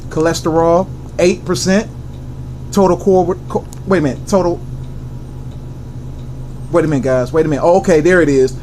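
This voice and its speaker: A man's voice: on the high side, noisy background. An American man hosting a casual, enthusiastic food review, addressing viewers directly with catchphrases and answering his own questions.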